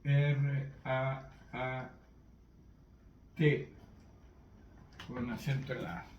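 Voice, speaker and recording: A man teaching from the Bible, unhurried, often checking in with his listeners and spelling words out letter by letter. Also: mid-range voice, fairly even intonation, lo-fi sound. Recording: roomy echo, faint background noise.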